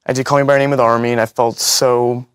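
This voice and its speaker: A man's voice: mid-range voice, level tone, fast talker, clear, resonant tone, no room sound. Guy asking questions, rambling and filler-heavy, dry close sound. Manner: rambling, lots of filler words. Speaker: interviewer. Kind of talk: casual conversation.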